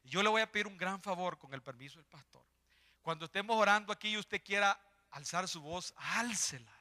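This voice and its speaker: An older man preaching a sermon in a church, swinging from hushed pleading to impassioned shouting. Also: sits high, fairly quick. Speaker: lay preacher.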